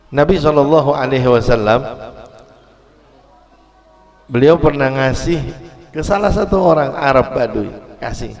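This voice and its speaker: A man preaching a sermon, telling a story with lively rhetorical questions and drifting into a fast, low murmured prayer. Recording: long reverb of a hall.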